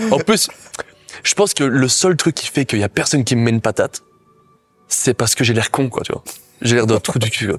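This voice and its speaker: A man with a Belgian accent chatting in an interview, animated and rambling, with constant little asides. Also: medium pitch, no echo. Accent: Belgian French. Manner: animated, rambling, frequent "tu vois". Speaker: guest, content creator. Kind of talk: casual interview chat.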